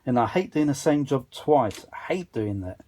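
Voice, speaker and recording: Heavy background noise surrounds this vintage audio hobbyist as he demonstrates a machine at a cluttered indoor bench. He speaks expressively at a moderate pace in a medium pitch, rambling casually and unscripted with obvious enthusiasm.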